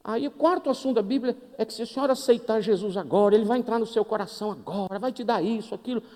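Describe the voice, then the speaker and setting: A man's voice: sits high, quick pace, warm tone. A man from Brazil with a Brazilian Portuguese accent, preaching in a humorous, conversational way as he acts out the dialogue of a story. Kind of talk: sermon with storytelling. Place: church hall. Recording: long reverb of a church hall.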